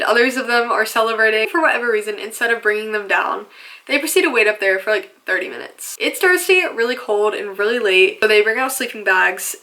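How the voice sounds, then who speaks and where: Young woman vlogger, college age, bright slightly high voice, casual and self-mocking. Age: young adult. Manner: chatty, self-mocking, full of "like" fillers. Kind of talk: casual storytelling vlog.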